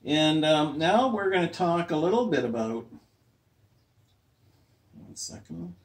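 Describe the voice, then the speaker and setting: A man's voice: on the high side, big pitch swings, moderate pace, recorded from a distance. A man teaching a listening lesson to language learners, talking patiently and often checking if the class has questions.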